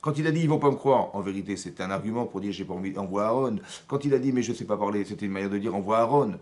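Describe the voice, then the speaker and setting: A man's voice: lowish voice, rapid-fire. A man, a rabbi, giving a Torah lesson in a synagogue, repeating himself and often asking whether his listeners understand. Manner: animated, repetitive teaching with checks for understanding.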